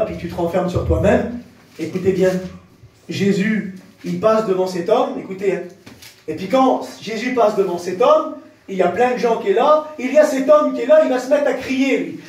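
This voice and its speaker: Guy preaching loud in a big echoey church, voice way up high, sounds kinda far off. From France. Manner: impassioned, rises to shouts, addresses the crowd directly. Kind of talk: sermon. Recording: very echoey church hall, heard from a distance.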